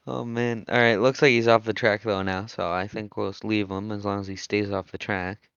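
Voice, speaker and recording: A young man calls an online motocross race in a relaxed, chatty way, thinking aloud and laughing now and then. His voice sits a little low and sounds smooth and clear. The recording is dry and a bit dull, like a lo-fi close mic. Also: normal speed, no room sound. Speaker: race commentator and server admin. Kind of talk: casual live race commentary.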